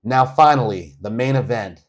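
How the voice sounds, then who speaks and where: A man in casual podcast chat who tells stories with animated energy. His voice sits in the middle of the male range. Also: medium pitch, moderate pace, lo-fi sound. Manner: animated storytelling, quotes wrestlers. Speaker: podcast co-host.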